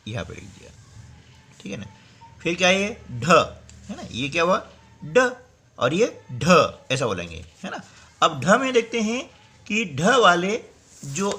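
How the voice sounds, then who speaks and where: A man's voice: a little high, pushed and bright. A man teaching a workbook lesson, explaining step by step and often checking with "है ना". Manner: explains slowly, repeats "है ना" and "ठीक है ना".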